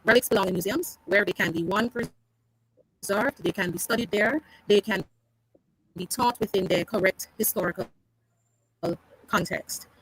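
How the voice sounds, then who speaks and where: A woman speaks over a remote video call, and her audio comes through buzzy and choppy, breaking up and dropping out. Her pitch is mid-range for a woman. She delivers her closing thoughts like a speech, repeating phrases for emphasis. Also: moderate pace, pauses often, husky, no room sound, rough recording. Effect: glitchy call audio that breaks up and drops out. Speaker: guest panelist. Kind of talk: impassioned closing remarks on a talk show.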